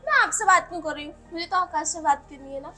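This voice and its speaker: A woman's voice: very high-pitched, lively intonation, fast talker, bright, forceful tone, soft background music, exaggerated voice. A young woman acting a cheeky, insistent secret wife in a comedy skit. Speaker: comedy sketch actor.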